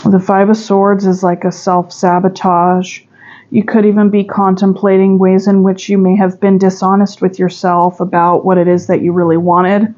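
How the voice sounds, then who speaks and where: A woman's voice: mid-range voice, little pitch movement, moderate pace, darkish tone, dull audio. A woman giving a pick-a-pile tarot reading, musing and chatty with sudden emphatic bursts. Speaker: tarot reader.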